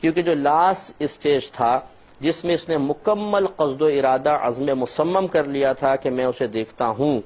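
A man's voice: fairly high pitch, a little mellow. A man, an Islamic scholar, giving a religious lecture and patiently explaining his points through step-by-step examples. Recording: slightly dull lo-fi recording.

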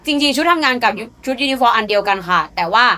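A woman's voice: a little high, expressive, very fast, crowd noise. A woman teaching beginners in a classroom, patiently repeating syllables one at a time. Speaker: Korean language teacher. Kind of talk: beginner spelling drill lesson.

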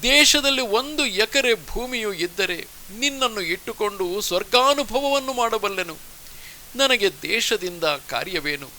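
A man's voice: sits high, expressive, measured pace, bright, forceful tone, slight background noise, exaggerated voice. A man reading the lines of a torn young warrior monk in an audiobook, impassioned and declaiming.

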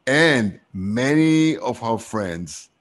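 A man hosting a casual video-call interview, halting and repetitive, with a joking streak. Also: medium pitch, expressive. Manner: halting, repeats himself, jokey. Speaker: interview host.

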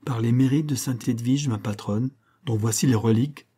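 A man's voice: medium pitch, moderate pace, warm tone, slightly rough, natural voice. A man reading the part of a young queen who pleads and prays with fervor in an audiobook. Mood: anguished. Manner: pleading, fervent. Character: young queen, anguished and devout.

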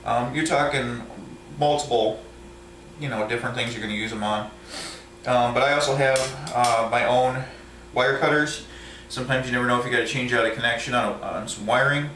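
This truck driver's mid-range voice stays fairly even, moderate in pace, pushed and bright, as he casually shows his tools with frequent ums and restarts. It's recorded at home by an overhead camera a few feet away, so he sounds distant and a bit off mic in an echoey room with slight background noise.

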